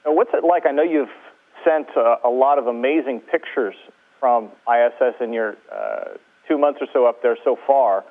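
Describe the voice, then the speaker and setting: A man's voice: mid-range voice, sing-song, normal speed. A man working as a TV reporter, asking friendly, plain questions over a space-to-ground radio link. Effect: radio link audio. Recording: tinny phone-like radio link.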